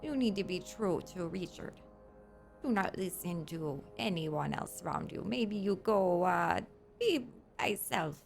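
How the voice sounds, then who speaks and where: Woman playing a creaky-voiced mystical fortune teller. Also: lowish voice, lively intonation, soft background music. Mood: earnest, advising. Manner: fortune teller, halting broken English with dropped articles. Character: mystical foreign fortune teller woman, earnest tarot seller. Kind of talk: improvised in-character online role-play.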